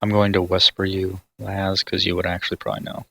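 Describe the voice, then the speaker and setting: Low flat-voiced game master. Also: male voice, a little fast, gravelly, no echo. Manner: descriptive, mimics sounds with his voice. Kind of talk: narrating a tabletop game over voice chat. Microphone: voice chat headset.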